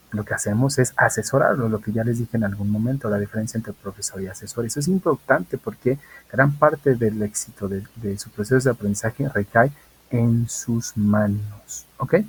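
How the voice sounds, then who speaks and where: A man, an online high school tutor recording a video lesson, patiently drilling English example questions. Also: slightly rough, poor audio.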